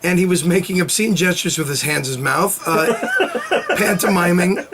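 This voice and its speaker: A man's voice: sits high, moderate pace, very noisy. A man co-hosting a comedy show, telling a news story in rambling, giggly banter.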